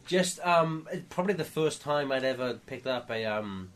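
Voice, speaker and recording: Man, casual podcast chat, restarts sentences, lively voice. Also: medium pitch, normal speed. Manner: stammering, restarts with laughs. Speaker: podcast co-host.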